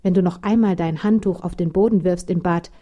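Eine Frau, die eine strenge, nörgelnde Mutter spricht, schrill und vorwurfsvoll. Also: female voice, measured pace, muffled recording. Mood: scolding. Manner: shrill, nagging, scolding. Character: strict nagging mother, sharp and disapproving.

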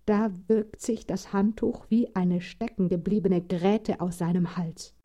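Frau mit dunkler, ruhiger Lesestimme. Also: female voice, mid-range voice, fairly even intonation, unhurried, warm tone. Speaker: reader. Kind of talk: literary audiobook reading.

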